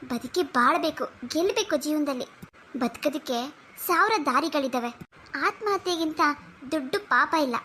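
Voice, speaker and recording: A woman's voice: high-pitched, expressive, moderate pace, pushed and bright, a little hiss or hum. A woman voicing a young wife in a cartoon who comforts and pushes a friend in a firm, encouraging way. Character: young wife, firm, caring elder sister.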